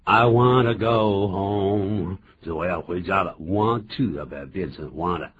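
With a deep voice and measured pace, a radio English lesson host teaches pronunciation in a bilingual program, his manner emphatic and teacherly. The audio has a thin, phone-like band and slight background noise.

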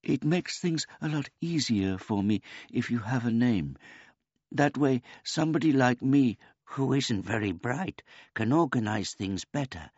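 Brief: a man putting on a gentle, simple-minded old man, polite and meek, voice raised well above his own, dull lo-fi sound. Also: mid-range voice, lively intonation, measured pace, breathy edge, dry recording, voice pushed up. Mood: earnest. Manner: talks of himself in the third person, meek and courteous.

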